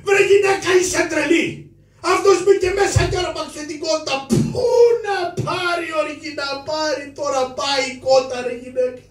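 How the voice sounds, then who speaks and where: A man playing Karagiozis, the poor and fiery hero of a shadow puppet show, in a high, shrill voice. He scolds in loud, fast bursts. The sound is roomy and distant, as from a live stage. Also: soft background music. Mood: scolding, frantic. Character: Karagiozis, poor hot-tempered male hero, shouting. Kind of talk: Greek shadow puppet theatre.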